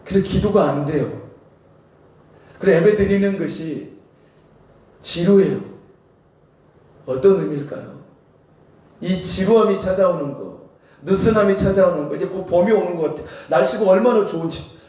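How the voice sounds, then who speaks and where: A man's voice: high voice, lively intonation, moderate pace, long pauses, dark tone. A male pastor with a Jeolla Korean accent preaching a sermon in a church sanctuary, talking conversationally and asking the congregation rhetorical questions. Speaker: senior pastor. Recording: very echoey church hall, distant mic.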